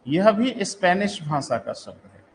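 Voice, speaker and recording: High-voiced teacher dictating notes. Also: male voice, big pitch swings, unhurried, slight background noise, rough recording. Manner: addresses students as "beta", dictates notes, asks check questions. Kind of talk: live online classroom lecture.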